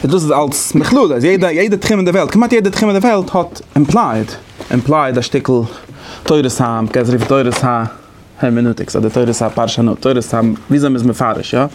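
A man's voice: mid-range voice, a little fast, few pauses, darkish tone, a little hiss or hum. A man giving a lecture, explaining conversationally and thinking aloud as he goes. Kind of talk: lecture on interpretation methods.

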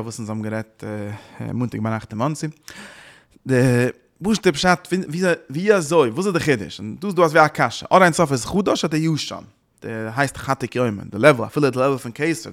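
Guy teaching torah, lively singsong delivery, repeats himself, gets loud in bursts. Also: mid-range voice. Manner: animated, chant-like delivery with repeated words and sudden loud bursts. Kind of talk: Yiddish-inflected Torah lecture.

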